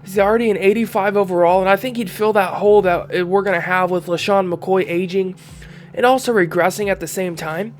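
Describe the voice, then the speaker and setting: A man's voice: high-pitched, fairly quick. Congested young man talking through game stats. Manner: relaxed, thinking aloud while reviewing stats. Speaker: gaming YouTuber. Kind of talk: casual game commentary.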